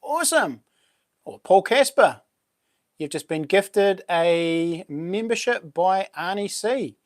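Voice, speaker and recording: A man's voice: high voice, lively intonation, slow, no room sound, clean studio sound. A man with a broad New Zealand accent chatting casually and informally as a livestream host, full of matey slang. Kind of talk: casual live chat with viewers.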